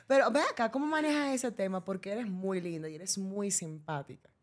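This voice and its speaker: A woman's voice: medium pitch, brisk. A woman from Venezuela with a Venezuelan accent, hosting a radio show and questioning her guest in a playful, teasing way. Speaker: radio host. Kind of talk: casual chat. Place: radio studio.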